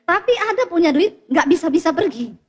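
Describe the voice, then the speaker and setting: A woman's voice: very high-pitched, brisk. A woman pastor preaching a sermon, telling stories and drawing in the congregation with questions. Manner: lively storytelling with congregation prompts.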